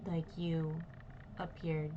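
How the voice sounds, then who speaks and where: A woman's voice: low voice, completely flat delivery, takes it slowly, muffled recording, slight background noise, pitched below the performer's own voice. A woman voicing a startled male gate guard who stammers and hesitates. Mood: flustered.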